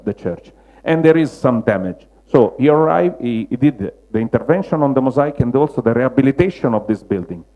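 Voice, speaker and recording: A man's voice: mid-range voice, warm tone, low-quality recording. Italian man lecturing in Roman-accented English. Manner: halting non-native English, searching for words. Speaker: lecturer, mosaic restorer. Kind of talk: public lecture with slides.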